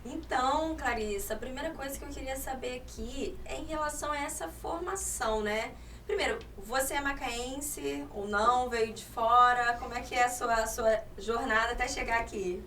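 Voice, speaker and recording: A woman's voice: high voice, moderate pace, fairly bright tone. A woman hosting a podcast, introducing and questioning her guest in an upbeat, affirming way. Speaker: podcast host. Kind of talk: casual podcast chat. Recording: distant mic with faint noise.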